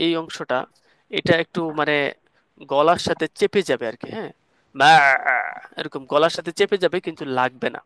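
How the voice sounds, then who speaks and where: A man's voice: on the high side, fairly bright tone, dry recording. Patient male tajweed teacher. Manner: patient, explains step by step with recited examples; asks students questions to check understanding. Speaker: Quran recitation teacher. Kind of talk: online tajweed class.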